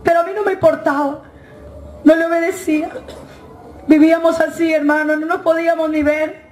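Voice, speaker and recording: High-voiced woman giving an echoey church testimony. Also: level tone, fairly quick, a little mellow. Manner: keeps addressing listeners as "hermano". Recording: echoey hall with faint noise.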